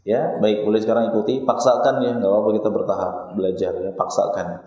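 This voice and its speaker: An Indonesian man teaching Quran recitation, drilling syllables slowly and repeating each sound for his students. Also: fairly low pitch, little pitch movement, a little mellow, lo-fi sound. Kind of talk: tajwid lesson with slow demonstrated recitation. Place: small prayer room. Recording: echoey, long reverb hall sound.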